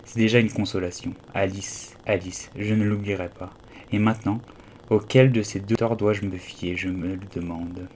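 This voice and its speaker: A man's voice: lowish voice, steady tone, normal speed, a little mellow, a little hiss or hum, close to an everyday voice. A man voicing a curious, earnest little girl in a storybook, thoughtful and wondering. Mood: musing.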